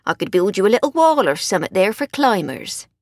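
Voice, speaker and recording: Woman putting on older yorkshire gardener, broad accent, blunt and homely, breathy, dry sound. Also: high-pitched, big pitch swings, brisk, no room sound, heavily acted. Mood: practical. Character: gruff older Yorkshire gardener, ex-soldier, plain-spoken.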